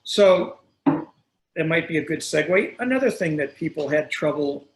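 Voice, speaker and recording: A middle-aged man hosts a wine tasting over a video call, explaining things in a relaxed, chatty way. His voice sits a little high for a man. The sound is roomy and echoey. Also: a little slow. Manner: chatty, storytelling, self-correcting. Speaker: wine shop owner hosting a tasting. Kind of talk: casual explanatory talk. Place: room at a wine shop.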